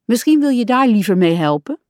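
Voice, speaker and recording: A busy female pig from a children's story, brisk and a little bossy, as a woman voices her. Her lines come higher and brighter than the narration, with lively rises and falls. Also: no room sound, clean studio sound.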